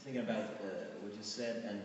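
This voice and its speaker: A very low-voiced man speaks as a panelist, halting often as he searches for his words. He sounds far from the mic in a hall with heavy echo. Clear background noise sits under his voice. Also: highs cut off. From Nordic country. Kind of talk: panel discussion remarks. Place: conference hall.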